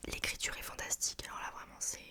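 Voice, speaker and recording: Woman in a hushed library whisper. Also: quick pace. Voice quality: soft, breathy, unvoiced library whisper. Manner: hushed, informal, chatty. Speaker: ASMR book reviewer. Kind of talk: whispered ASMR chat, book review.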